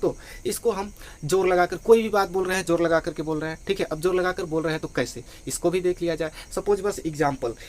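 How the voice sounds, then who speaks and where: High-voiced man teaching grammar. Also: brisk, darkish tone. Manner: explains step by step, repeating phrases and adding "ठीक है". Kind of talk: online grammar lesson.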